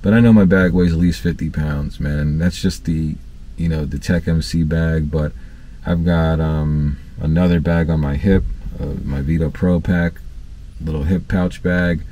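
A thirtysomething HVAC tech and channel host gives a casual training talk from his parked van at a measured pace, and the audio sounds dull. His very low, mellow voice stays relaxed as he fills pauses with ums and keeps restarting his sentences.

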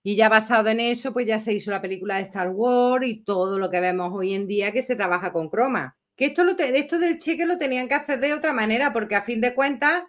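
Woman in her fifties, chatty livestream host, exclamatory, fairly high voice. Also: fast, few pauses. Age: 50s. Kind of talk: casual livestream chat.

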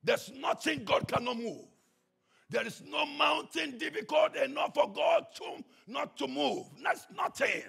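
A man preaching a sermon with passion, swinging between shouts and hushed tones. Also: very high voice, animated, a little slow, creaky. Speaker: pastor.

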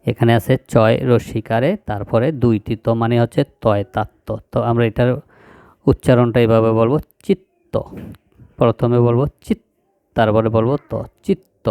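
A man teaching young children to read, spelling out each syllable slowly and repeating every word. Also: mid-range voice, little pitch movement, mellow, clear, resonant tone, no room sound, clean studio sound. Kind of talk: slow phonics lesson for young children.

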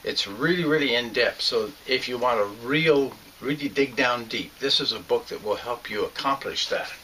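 A man's voice: mid-range voice, normal speed, pushed and bright, a little hiss or hum. An older man teaching a fly fishing lesson at home, talking in a plain, earnest way with some fillers and restarts. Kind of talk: instructional narration. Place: small home room with shelves.

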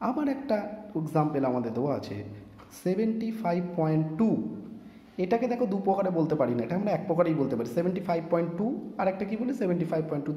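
A man's voice: sits high, mellow. A man teaching a math lesson to students, speaking straight to them and explaining each step, repeating numbers. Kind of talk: classroom math lesson video. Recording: echoey room with long reverb, faint noise.

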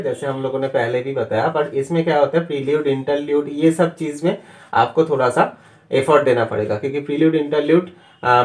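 A young Indian man teaching a harmonica lesson, patiently walking through the notation step by step and slowly calling out the note names. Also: medium pitch. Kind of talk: music lesson explaining notation.

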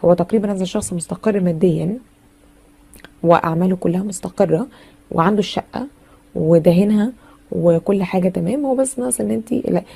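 Husky-voiced Egyptian woman reading tarot. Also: fairly low pitch, mellow. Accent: Egyptian Arabic. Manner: chatty, many fillers, teasing asides. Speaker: tarot reader.

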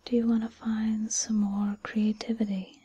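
A kindly, patient fairy godmother, played by a woman in a whispered role-play. She speaks in a very breathy, soft-edged whisper, taking her time. Her manner is soothing and encouraging as she reassures the listener. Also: on the high side, little pitch movement, no room sound, dull audio. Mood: gentle, reassuring. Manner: soothing, encouraging, unhurried second-person address.

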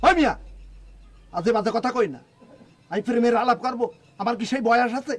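Brief: a blunt, touchy old villager, high reedy voice, very dry. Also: male voice, no echo. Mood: indignant. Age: older. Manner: blunt, quick to take offence. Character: gruff older village man, touchy and blunt. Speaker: customer at a phone shop.

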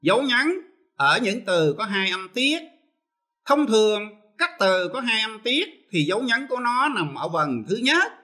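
In a televised lesson, a male English teacher speaks slowly and brightly with a lively pitch. He explains things step by step, alternating between Vietnamese and English.

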